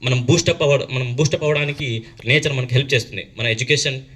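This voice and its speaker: Brisk, bright-voiced male storyteller. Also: mid-range voice, steady tone, husky. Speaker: teacher. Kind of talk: moral storytelling at a school assembly.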